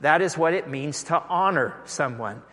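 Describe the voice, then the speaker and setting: A Texan-accented man preaches from the pulpit, his voice high-pitched and emphatic. He draws the congregation in with questions and call-and-response lines. The sound carries a long church-hall reverb. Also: expressive, normal speed, fairly bright tone. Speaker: pastor. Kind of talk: sermon. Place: church sanctuary.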